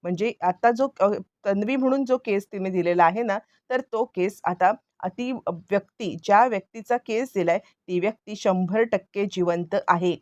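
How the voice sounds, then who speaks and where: A woman's voice: mid-range voice, moderate pace, hardly any pauses, darkish tone, no room sound, highs cut off. Woman narrating a serial recap.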